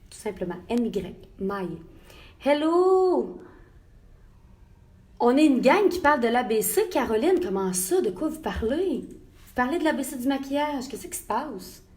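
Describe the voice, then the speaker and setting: A woman's voice: fairly high pitch, big pitch swings, normal speed, a little mellow. A woman with a Québécois accent, a makeup artist, chatting while she does a live makeup tutorial from a hotel room and greeting viewers by name. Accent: Québécois French.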